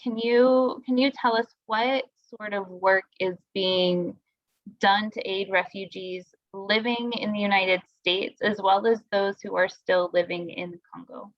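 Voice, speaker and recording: Slow, hesitant woman moderating a panel. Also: mid-range voice, fairly even intonation. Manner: slow, hesitant, many restarts. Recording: dull muffled audio.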